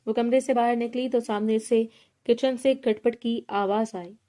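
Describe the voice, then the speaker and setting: A woman's voice: on the high side, fairly even intonation, measured pace, warm tone. A woman reading a romance novel aloud, voicing all characters' lines in her own voice with light acting. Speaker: novel narrator.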